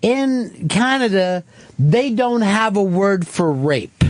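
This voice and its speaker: A man runs a radio call-in show from the studio, his voice sitting a little high. He banters with callers in a quick, crude, joking way. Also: expressive, no echo. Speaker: radio show host taking calls. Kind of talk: casual radio call-in chat.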